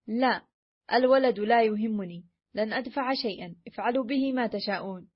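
A woman's voice: a little high, brisk, husky. A woman reading the lines of a greedy, fearful old miser uncle in a storybook, curt and grudging, on a dull lo-fi recording.

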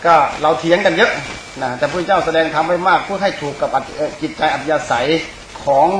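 High-voiced monk preaching in an echoey room. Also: male voice, fairly bright tone. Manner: conversational, rambling, addresses listeners directly. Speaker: Buddhist monk teacher. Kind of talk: informal Dhamma sermon. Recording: echoey room, clear background hiss.

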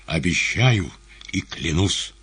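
A man voicing a blunt, brash young male poet who speaks in short, loud replies. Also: deep voice, big pitch swings, normal speed, breathy edge, heavily acted.

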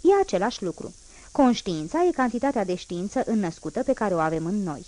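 A woman's voice: medium pitch, sing-song, warm tone, close to an everyday voice. A woman reading as a proud old revolutionary man. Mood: unyielding. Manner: firm, emphatic declaiming. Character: fierce old male revolutionary, unyielding and proud.

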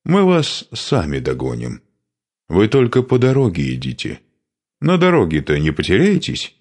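A man's voice: deep voice, huge pitch swings, normal speed, a little mellow, pitched above the performer's own voice, full character voice. A man voicing a cocky steppe horseman. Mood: boastful. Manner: cocky, teasing. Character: boastful young male steppe horseman.

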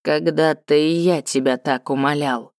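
Woman reader doing a vengeful male cat-folk villain for a fantasy audiobook, cold and low, dry close read. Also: steady tone, measured pace, darkish tone, no room sound. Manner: cold, low and hissing with hatred. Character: bitter vengeful male cat-folk lord, middle-aged.

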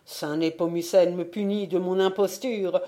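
A woman's voice: on the low side, steady tone, a little slow, warm tone, close to an everyday voice. A woman voicing a frightened man, a church sacristan, who pleads and raises his voice in a storybook reading. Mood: terrified.

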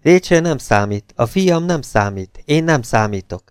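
A man's voice: mid-range voice, lively intonation, clear, resonant tone, no echo, studio quality, pitched above the performer's own voice, natural voice. A man voicing a bitter, angry man who speaks curtly and harshly. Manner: curt, harsh delivery. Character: bitter, angry middle-aged man, curt and cold.

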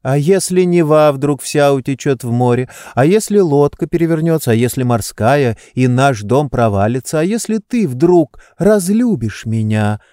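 A man's voice: medium pitch, lively intonation, normal speed, hardly any pauses, mellow, no room sound, clean studio sound, voice pushed up, close to an everyday voice. A man reading an audiobook, voicing a playful, teasing young woman with a capricious manner.

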